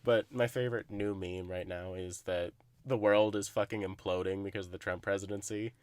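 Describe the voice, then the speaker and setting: A young man co-hosting a podcast in casual chat, swearing freely, animated and laughing often. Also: lowish voice, fairly quick. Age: young adult. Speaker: podcast co-host.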